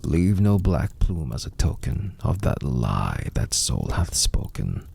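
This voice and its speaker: A man recites gothic verse in a very low, husky voice that often sinks toward breath. His delivery is theatrical and brooding, swinging widely in pitch and drawing out key words with a gravelly rasp. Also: sing-song, slow pace, dark tone. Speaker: poetry reader. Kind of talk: dramatic gothic poetry recitation.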